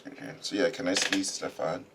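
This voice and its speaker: A man's voice: sits low, flat delivery, a little fast, heavy background noise. A man chatting casually as a player at a tabletop game. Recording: music clearly behind the voice.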